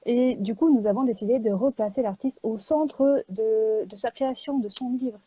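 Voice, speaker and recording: Higher-voiced woman chatting on a live stream, mellow tone, joking around a lot. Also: normal speed, husky, dry recording, poor audio. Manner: lively and joking, with many fillers. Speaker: publisher and illustrator. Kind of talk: live video chat.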